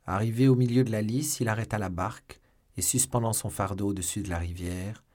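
A man reading a classic novel aloud as an audiobook, in a measured, dramatic manner. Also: fairly low pitch, steady tone, a little mellow. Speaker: audiobook reader. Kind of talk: scripted audiobook narration.

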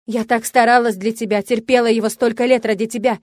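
A drunk middle-aged mother begs her son in a hoarse, pleading voice, as a woman reading the story plays her. She sounds worn down and desperate. The recording is dry and close. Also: a little high, fairly even intonation, fast, darkish tone, no room sound, natural voice.

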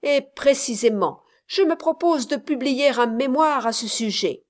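A pompous male scholar who insists on explaining everything, as a woman reads him aloud. He talks slowly and lectures in a fairly high voice. The storybook reading is measured. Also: expressive. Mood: insistent.

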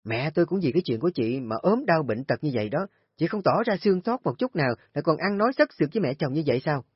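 A man's voice: on the high side, animated, fast, slightly rough, no room sound, voice pushed up. A man voicing a hot-tempered young daughter in an audio story, angrily accusing her sister-in-law. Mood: angry accusing. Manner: angry, accusing. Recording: dull lo-fi audio with faint music.

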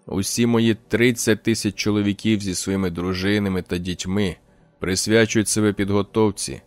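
A man reads an audiobook in a deep, low voice. His delivery is steady and measured, with deliberate pauses. The sound is dry and close, with quiet music underneath. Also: no echo. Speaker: audiobook narrator. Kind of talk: scripted narration.

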